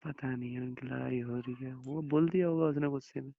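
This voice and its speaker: A young man talks to his wife over the phone in a rough, gravelly voice. His pitch barely moves as he reassures her and rambles on with affectionate explanations. The recording is dull and muffled, like a phone call. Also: steady tone, brisk, no echo. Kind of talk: intimate phone conversation.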